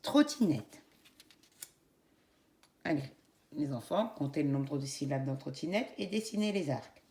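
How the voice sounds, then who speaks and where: A woman teacher with a French accent, giving a phonics lesson to young children in a slow, encouraging voice and spelling out each syllable. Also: low voice, expressive, dark tone.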